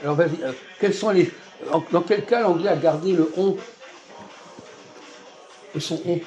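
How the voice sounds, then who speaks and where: In a fast-food restaurant, a man hosts a casual, teacherly chat, quizzing his guest with repeated questions and sudden bursts of emphasis. His voice is high and warm, though the recording is muffled.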